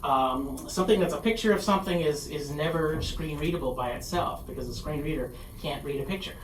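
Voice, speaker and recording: A presenter giving a casual conference presentation, halting and self-deprecating, recorded in a presentation room. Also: medium pitch. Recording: echoey room, distant mic, faint noise.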